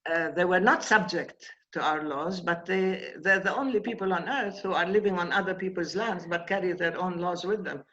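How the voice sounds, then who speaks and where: A woman's voice: lowish voice, normal speed, hardly any pauses, a bit bright. Older woman, impassioned, emphatic, dull lo-fi sound. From Palestine. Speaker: guest. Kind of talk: interview conversation.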